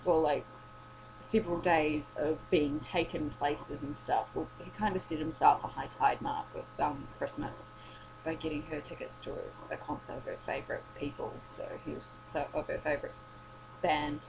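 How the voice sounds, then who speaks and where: A tired young vlogger's deep, gravelly voice is worn and starting to give out as she rambles, swears and puts herself down in a casual late-night video. She speaks flatly at a moderate pace over a noisy background.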